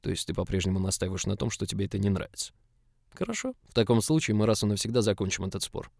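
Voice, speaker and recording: A man's voice: on the low side, expressive, quick pace, gravelly, a little mellow, dry recording, studio quality. A man reading a smug, mocking young boss in an audiobook. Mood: cold. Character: confident, teasing young male boss. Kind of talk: audiobook character voice.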